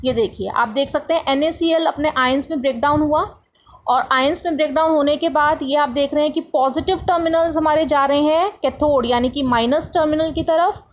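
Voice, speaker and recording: A woman's voice: sits high, brisk, low-quality recording. A woman science tutor explaining a lesson step by step, asking rhetorical questions as she goes.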